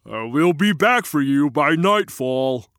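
A man playing a hurried woodcutter father, speaking in slow, hesitant bits with a dry, close sound. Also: on the high side, lively intonation, fairly bright tone, no room sound, exaggerated voice. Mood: brusque. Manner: slow, drawn-out, hesitant delivery.

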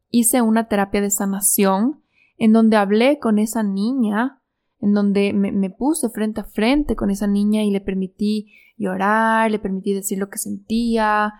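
A woman's voice: medium pitch, darkish tone. A woman telling a reflective personal story in an earnest, confiding way. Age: adult. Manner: earnest, confiding, many fillers and restarts. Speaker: speaker sharing personal growth story.

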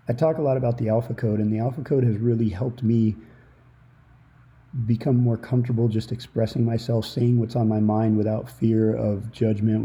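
A man's voice: lowish voice, mellow. A man hosting a solo motivational podcast from under a towel in a small office, talking informally and reflectively as he thinks aloud. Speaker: podcast host. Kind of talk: free-flowing motivational solo podcast talk. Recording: improvised, under a towel at the computer.

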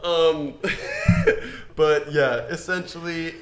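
A man's voice: medium pitch, moderate pace, a bit bright. A young man co-hosting a podcast, telling a story in casual chat with many restarts and slips. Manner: rambling storyteller, frequent restarts and word slips. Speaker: podcast co-host. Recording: echoey room, faint noise.

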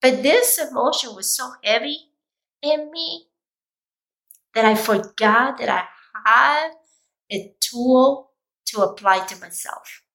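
In a rough recording, a coach addresses viewers with a motivational talk that is emphatic and deliberate. Her voice is high, slightly raspy, and fairly bright in tone.

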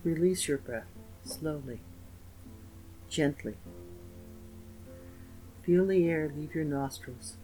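A man narrating a scripted guided meditation in a slow, gentle, soothing manner with pauses. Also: fairly high pitch, rough recording. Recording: voice over meditation music. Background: soft instrumental music with guitar.

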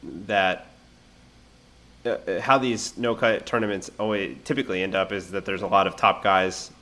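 A man's voice: low voice, fairly even intonation, moderate pace, pushed and bright. A man co-hosting a casual sports betting podcast, speaking hesitantly with many fillers. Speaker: podcast co-host.

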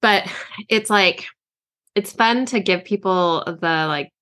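A woman's voice: mid-range voice, takes it slowly, bright, forceful tone. A woman co-hosting a podcast about books, chatting in a bubbly way with many fillers and giggles. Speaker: podcast co-host, author. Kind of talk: casual chat.

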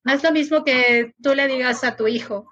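A woman, a guest storyteller, telling a legend slowly and gently on a talk show. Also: high-pitched, steady tone, no room sound, lo-fi sound. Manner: slow, gentle storytelling cadence.

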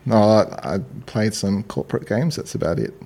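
A man's voice: on the low side, expressive, normal speed, mellow. A man with an Australian accent co-hosting a casual podcast, teasing with dry wit. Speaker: podcast co-host. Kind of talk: casual chat.

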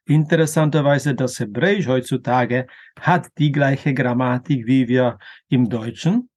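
A man explaining grammar in a careful lecture, pronouncing example words slowly and deliberately, with an occasional filler. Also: mid-range voice, a little mellow. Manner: slow, deliberate, careful pronunciation of Hebrew terms. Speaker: language teacher.

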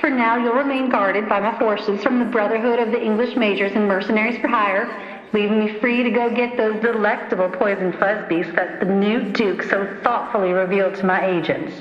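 A woman playing a gloating female villain in an audio comedy drama, monologuing in a slow, theatrical, menacing manner. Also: mid-range voice, steady tone, reverberant, big-room sound, muffled recording, close to an everyday voice. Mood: smug triumph. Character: gloating theatrical female villain, scheming gourmet of rare creatures.

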